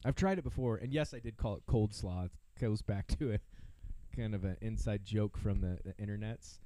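A man's voice: fairly low pitch, fairly quick, mellow. A man co-hosting a casual podcast, rambling through stories and laughing often. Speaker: podcast co-host.

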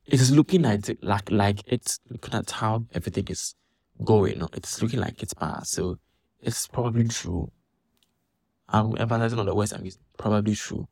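A man talks in a casual, indignant monologue, his voice slightly husky and his delivery animated. He restarts his sentences often as he works through his point. The recording is dry and close, with no room sound. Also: on the low side, fairly quick, no echo. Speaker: church member commenting on a dispute.

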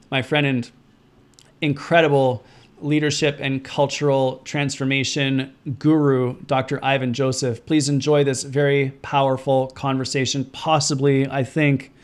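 A podcast host with a smooth, mid-range voice reads a guest introduction, then moves into an interview chat. He talks in an earnest, reflective way, using plenty of fillers.

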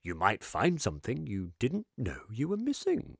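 A man voicing a large, jolly shopkeeper who speaks slowly and grandly. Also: mid-range voice, wildly swooping pitch, creaky, breathy edge, no room sound, clean studio sound, heavily acted. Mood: jovial. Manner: slow, grand and welcoming. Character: booming large bearded male shopkeeper, jolly.

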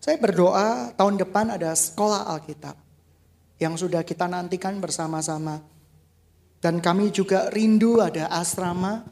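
A man preaching a sermon as a worship leader, animated and laughing often, swinging between loud outbursts and quiet asides. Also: high-pitched, moderate pace, vocal fry.

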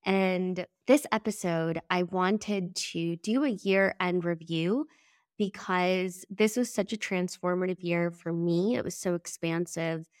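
A woman's voice: on the low side, steady tone, takes it slowly, dry recording, studio quality. A woman hosting a solo podcast episode, sounding nasal and congested from a head cold, in an earnest, reflective manner. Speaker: podcast host.

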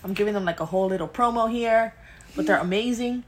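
A woman's voice: mid-range voice, quick pace, noisy background. A woman with a Miami accent chatting informally as a co-host, with slangy, sweary talk. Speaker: podcast co-host. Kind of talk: casual chat, reading and commenting on news items.

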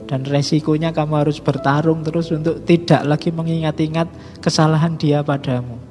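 Man, lecturer, somewhat high voice, faint music behind. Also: a little fast, in a large hall. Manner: animated, acts out quoted speech, rhetorical asides. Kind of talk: classroom lecture.

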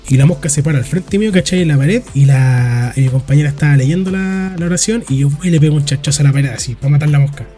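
A man's voice: fairly high pitch, fast talker, few pauses, mellow, faint music behind. A young Chilean man telling rambling stories in casual podcast chat, full of slang. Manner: rambling storyteller, heavy slang. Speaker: podcast co-host.

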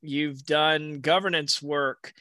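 A man hosting a podcast interview in a casual, halting way, often repeating words as he gets to his point. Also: fairly high pitch, fairly even intonation, sharp tone, dry recording, studio quality. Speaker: podcast host.

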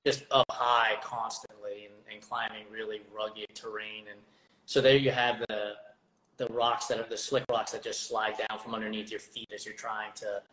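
A man's voice: on the low side, little pitch movement, moderate pace, fairly bright tone, roomy sound, low-quality recording. A man hosting a podcast interview, asking long, searching questions and speaking to the audience. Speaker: host.

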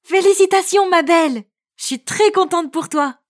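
Uma mulher interpretando uma amiga jovem, direta e pé no chão, que parabeniza a noiva num diálogo didático de francês. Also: female voice, very high-pitched, moderate pace, dry recording, clean studio sound. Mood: happy. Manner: direct, cheerful. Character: down-to-earth, direct young woman friend.

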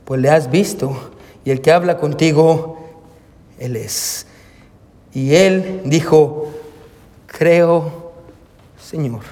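High-voiced preacher in an echoing hall. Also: male voice, extremely slow, long pauses, darkish tone. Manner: storytelling with acted dialogue, addressing the congregation directly. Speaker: pastor. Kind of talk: sermon. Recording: long hall reverb.

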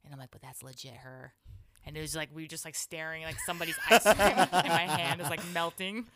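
A woman co-hosting a casual chat, telling animated stories and acting out what people said. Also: brisk, a crowd in the background. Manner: animated, acts out quotes with pitch jumps and whispers.

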